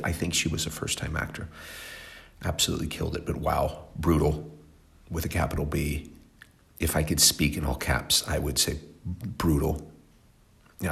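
With a rumbling low, gravelly voice that still carries a fairly bright tone, this radio host talks casually on his music show. He's in his forties, rambling, talkative, and self-deprecating. He also sounds a bit congested and worn out.

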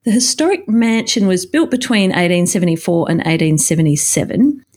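A woman's voice: lowish voice, animated, brisk, a little mellow, breathy edge. An Australian woman hosting a podcast, moving between friendly chat and scripted segments. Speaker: podcast host.

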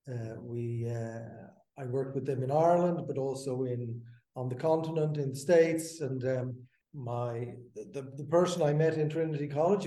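A man in his fifties from the Netherlands, a brewery co-founder, talking as a podcast guest in a halting, filler-filled way. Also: mid-range voice, dark tone, echoey room. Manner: halting, many fillers and restarts. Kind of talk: casual interview.

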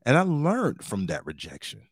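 A man's voice: mid-range voice, wildly swooping pitch, normal speed, slightly rough, dry recording, clean studio sound. A man in his forties hosting a podcast alone, talking casually and with slang, like he is handing out advice. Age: 40s. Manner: slangy, big-brother advice-giving tone. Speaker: podcast host and stand-up comedian. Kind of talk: casual solo podcast monologue.

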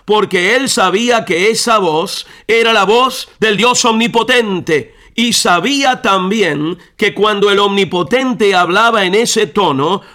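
A man's voice: sits high, pushed and bright. A male radio preacher telling a story and then speaking directly and earnestly to the listener in a devotional sermon.

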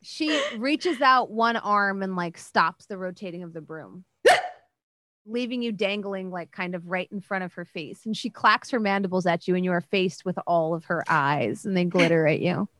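A woman's voice: fairly low pitch, normal speed, a bit bright, no echo. Woman game master, casual narration, lots of fillers, dry close sound. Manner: casual, many likes and uhs.

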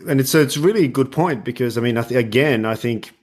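An Australian man hosts an interview podcast, speaking fast in a mid-range voice. The conversation is relaxed, and he reflects on his guest's points and builds on them.

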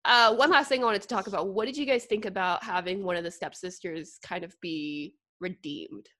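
A woman's voice: mid-range voice, brisk. A young woman co-hosting a podcast in casual chat, giggly and full of "like". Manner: giggly, animated, lots of "like". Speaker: podcast co-host.

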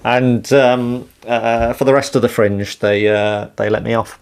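A man's voice: medium pitch, level tone, unhurried, gravelly, clear, resonant tone. A man chatting casually in an interview, rambling through anecdotes in a self-mocking way and laughing often. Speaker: interviewed performer and pianist. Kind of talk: casual podcast chat.

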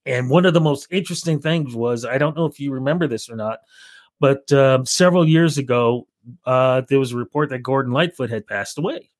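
Brisk and medium-pitched, this middle-aged Canadian radio reporter swaps stories as a guest in a casual interview, recorded at studio quality without room sound. He animatedly plays out both voices of phone calls he recalls.

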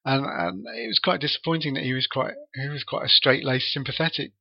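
A man's voice: mid-range voice, steady tone, a little fast, no echo. Man on a dry, dull podcast recording. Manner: chatty, rambling, stumbling over words. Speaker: podcast co-host. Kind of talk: casual film discussion.

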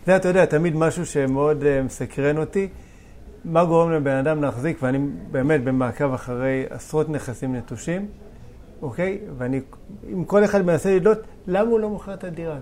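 A man with a somewhat high voice hosts a real estate podcast interview. He asks questions out of curiosity and keeps the talk moving with short reactions. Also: a little mellow, slight background noise. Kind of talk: conversational interview.

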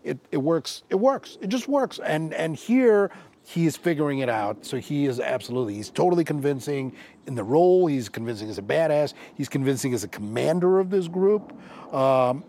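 Male podcast co-host, lively pitch, jokey, casual chat delivery. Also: fairly quick.

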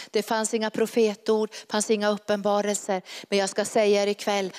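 A woman preaching a fervent, emphatic sermon in a church hall. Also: medium pitch. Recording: long reverb of a large hall.

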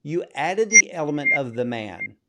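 Man interviewing with measured questions. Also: a little high, sing-song, vocal fry, heavy background noise.

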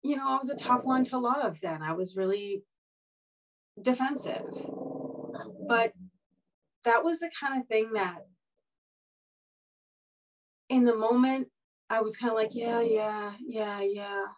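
A woman's voice: fairly high pitch, measured pace, long pauses, rough recording. A woman speaking as an interview guest, telling a candid personal story in an earnest, frank way with frequent restarts.

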